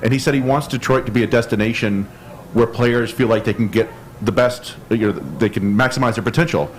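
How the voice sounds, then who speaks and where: Casting: male podcast co-host, measured explainer, faint hiss behind him. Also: medium pitch. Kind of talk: casual sports chat.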